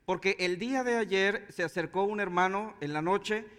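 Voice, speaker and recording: High-voiced Mexican pastor in a hall. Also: male voice, moderate pace, fairly bright tone, clear, resonant tone. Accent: Mexican Spanish. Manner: conversational storytelling, chuckling asides. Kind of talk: sermon with anecdote.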